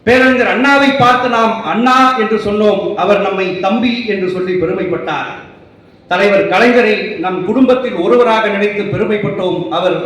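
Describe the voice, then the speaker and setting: Casting: young male party orator, high-pitched thunderous declamation, heavily echoing stage PA. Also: fairly bright tone. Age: young adult. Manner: thunderous, declamatory delivery in emphatic, drawn-out phrases with rhetorical build-ups. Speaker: political party speaker. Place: public rally stage. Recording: echoing public-address sound from far off.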